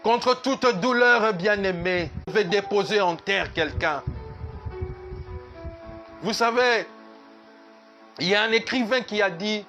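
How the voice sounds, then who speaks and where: High, forceful pastor preaching slowly. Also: male voice, highs cut off, soft background music. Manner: emphatic, repetitive preaching, slipping into sung lines. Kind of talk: sermon. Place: church service.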